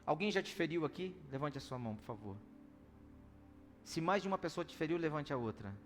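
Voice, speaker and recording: A high-voiced male pastor delivers a sermon, telling a story in an animated way and swinging between loud and hushed delivery. His voice rings with the long reverb of a church hall. Soft music plays faintly underneath. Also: a little fast.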